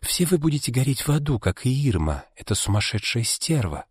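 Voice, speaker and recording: Man doing a spiteful hissing wife, husky, swooping pitch, audiobook. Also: sing-song, brisk, no echo, clean studio sound. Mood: venomous. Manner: hissing, venomous. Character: spiteful middle-aged wife, venomous and hissing.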